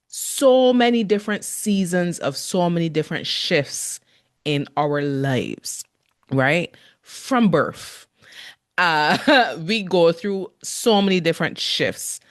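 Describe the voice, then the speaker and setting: A woman in her forties hosting her own podcast, talking earnestly in a reflective monologue, laughing often and drawing out words for emphasis. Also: lowish voice. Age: 40s. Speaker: podcast host.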